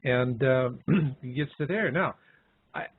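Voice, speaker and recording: A man hosts a radio talk show, explaining his points in a conversational way. His voice is husky and sits at an ordinary pitch. The sound is thin and phone-like. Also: slow pace.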